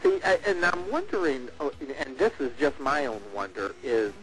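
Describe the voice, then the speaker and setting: A man's voice: medium pitch, wildly swooping pitch, normal speed, music in the background, low-quality recording. A man working as a radio host, conducting an interview in a probing, indignant manner on the guest's behalf.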